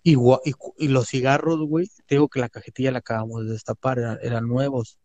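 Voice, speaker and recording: A man's voice: medium pitch, steady tone, fast talker, darkish tone, no room sound, dull audio. A man with a Mexican Spanish accent telling a story in casual conversation, slangy and emphatic, repeating words for weight.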